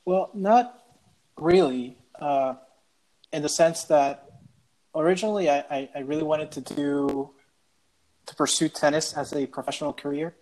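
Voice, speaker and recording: A man's voice: on the high side, darkish tone, rough recording. A young man from El Salvador, a cardiology fellow, answering interview questions casually with many fillers and restarts. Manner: hesitant, many uh fillers and repeated words. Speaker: guest cardiologist.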